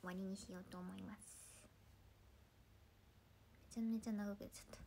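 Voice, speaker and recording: A woman's voice: medium pitch, steady tone, a little fast, vocal fry, a little hiss or hum. Chatty young woman on a livestream. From Ibaraki, Japan. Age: 20s. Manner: chatty and playful, often dropping into soft murmured asides. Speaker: idol livestream host. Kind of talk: casual livestream chat.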